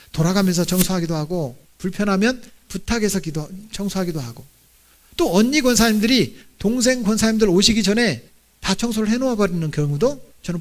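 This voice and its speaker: Lively high-voiced pastor preaching. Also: male voice. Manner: animated storytelling, acting out voices in quotes; asks the congregation questions. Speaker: senior pastor. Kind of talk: sermon.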